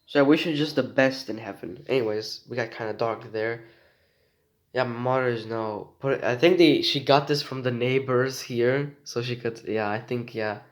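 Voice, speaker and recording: Feeling sick, a Romanian teen boy vlogs in a casual ramble, joking around, restarting a lot, and dropping slang; Romanian is his first language. He speaks at normal speed in a steady, mid-range voice.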